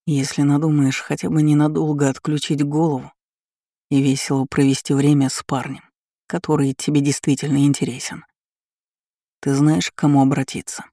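Cocky young dude with a husky soft teasing voice, low and even, as a male reader puts him on. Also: normal speed, no room sound, studio quality, lightly acted. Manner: soft insinuating delivery.

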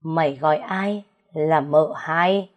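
A woman's voice: deep voice, slow pace. A woman voicing a harsh, spiteful young first wife who scolds and snaps at the household. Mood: accusing. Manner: snapping, scolding.

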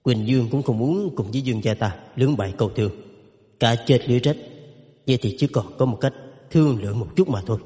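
Animated male storyteller, dark tone. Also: mid-range voice, dry recording, studio quality. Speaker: audiobook narrator. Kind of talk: dramatic storytelling narration.

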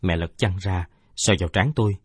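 Guy narrating a story, low husky voice, steady pace, totally dry recording. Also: moderate pace, no room sound. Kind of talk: first-person audiobook narration.

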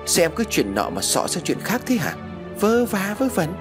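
A man voicing a gruff, skeptical father who scolds dismissively. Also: on the low side, very animated, quick pace, over music. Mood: scolding.

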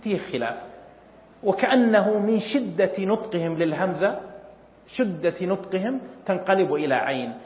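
A man gives an academic lecture, measured and full of pauses, often clearing his throat. His voice sits a little high. The recording is dull and lo-fi, with a long echo from a roomy hall. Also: expressive. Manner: measured, pausing often with fillers. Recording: echoey hall, dull lo-fi sound.

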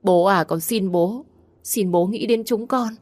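A woman's voice: mid-range voice, a little slow, a little mellow, no echo, studio quality, voice pushed up, close to an everyday voice. A woman voicing a distressed young daughter who speaks in a pleading, anxious way, raising her voice slightly, in a storybook reading.

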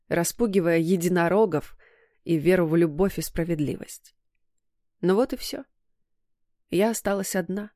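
A woman reads a first-person novel aloud in a lowish, emotional voice. The recording is close and dry, with no room sound. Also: no room sound. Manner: emotional, expressive reading. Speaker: audiobook narrator. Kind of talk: scripted first-person narration.

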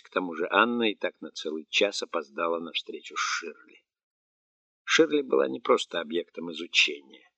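A man narrating an audiobook in a steady, even reading. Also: on the low side, no echo. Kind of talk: scripted narration. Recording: dry, dull, muffled recording.

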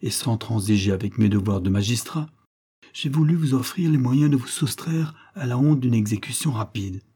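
A man's voice: mid-range voice, lively intonation, moderate pace, dark tone, husky. A man reading the part of a stern older magistrate, grave and formal.

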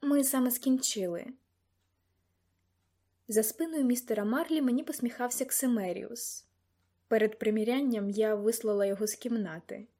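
A woman reads a first-person audiobook with even, measured storytelling. Her voice sits a little high yet sounds warm and mellow, in scripted narration.

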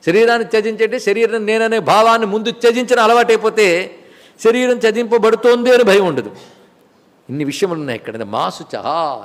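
Man, high voice, spiritual discourse, rhetorical questions, lingering hall reverb. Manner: explains verses by quoting, repeating and asking rhetorical questions. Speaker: spiritual teacher. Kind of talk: Bhagavad Gita discourse.

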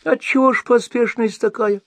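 With a very animated delivery and no echo, a man narrating an audiobook becomes a cunning old crone ferrying travelers and taunting them. Slyly, he uses a high, cracked, wheedling old woman's voice, slow and drawn out.

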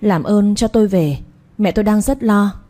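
A woman's voice: warm tone, natural voice. A woman voicing a frightened young woman who pleads tearfully with her captors, in a read-aloud story. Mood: tearful begging. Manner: tearful, begging, quick and high.

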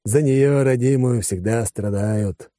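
A man voicing a loud, folksy male spaceship crewman in an audiobook. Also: mid-range voice, slow pace, no room sound, clean studio sound, close to an everyday voice. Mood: hearty.

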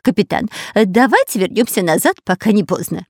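A woman's voice: medium pitch, very animated, brisk, no echo, clean studio sound. A woman voicing a cowardly, long-nosed male spy in an audiobook, who stutters and whimpers with fear. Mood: anxious. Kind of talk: audiobook character voice.

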